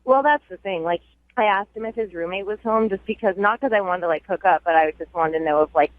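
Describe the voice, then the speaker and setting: A woman's voice: mid-range voice, fast, dry recording. An American woman calling a radio show, chatting casually and hesitantly, peppering her talk with "like", over a phone. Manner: hesitant, heavy use of "like". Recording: narrow tinny phone line.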